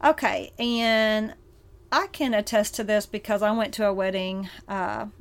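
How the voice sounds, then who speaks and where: A bubbly woman co-hosting a relaxed book-club chat. She laughs easily, reads favorite passages aloud and runs a trivia quiz with playful energy. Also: mid-range voice, unhurried, clean tone. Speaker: podcast co-host.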